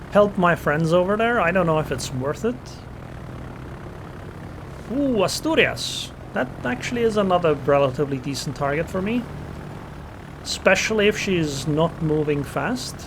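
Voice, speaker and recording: A man with a high-pitched, lively voice speaks a little slowly over background noise, casually commenting live on a naval battle game. A native Estonian speaker, he thinks aloud as a gameplay commentator, muttering plans and small reactions while game engine and gunfire sounds run under his voice.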